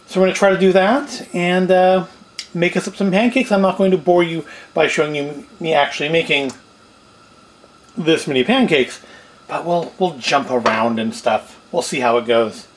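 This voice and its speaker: A man with a fairly high voice talks at a moderate pace over slight background noise. He hosts a homemade food review video, rambling in a casual, wry way and questioning himself as he thinks aloud while cooking. It's filmed indoors at home, first at a table and later in a kitchen.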